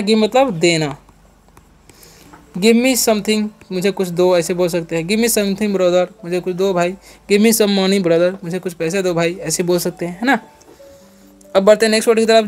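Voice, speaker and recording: A man teaching English words, spelling each one letter by letter and repeating every meaning as a drill. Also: high-pitched. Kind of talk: phonics and vocabulary lesson.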